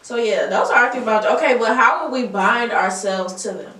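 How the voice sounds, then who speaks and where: A woman's voice: fairly high pitch, fairly bright tone. Playful young woman host, roomy distance. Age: 20s. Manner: playful, quick to laugh, teasing. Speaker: podcast host. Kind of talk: casual chat. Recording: roomy room, mic at a distance.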